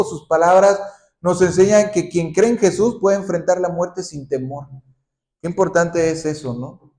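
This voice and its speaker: A man pastor preaching a sermon, often asking the congregation questions and ending points with a quick "¿sí?". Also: high-pitched, darkish tone. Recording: roomy echoing hall.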